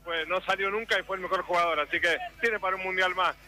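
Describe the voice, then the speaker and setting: A man's voice: high voice, fairly even intonation, quick pace, pushed and bright, faint music behind. A man interviewed in the street as a fan, speaking emphatically and proudly.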